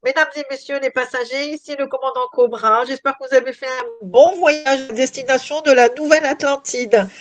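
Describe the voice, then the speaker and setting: Brief: a woman doing a high-voiced airline captain on the intercom, formal announcer patter. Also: moderate pace, few pauses. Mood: mock-solemn.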